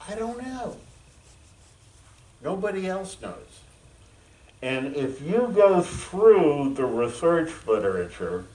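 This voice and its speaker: A man in his seventies, a veteran, giving a frank, reflective talk to an audience with many pauses and fillers. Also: medium pitch, darkish tone, recorded from a distance, a little hiss or hum. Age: 70s. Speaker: veteran speaker. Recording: echoey room, voice from afar.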